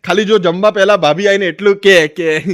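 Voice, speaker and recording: A man with a Gujarati accent doing stand-up comedy, telling jokes fast and acting out both sides of each dialogue himself. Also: sits high, fairly even intonation, a bit bright.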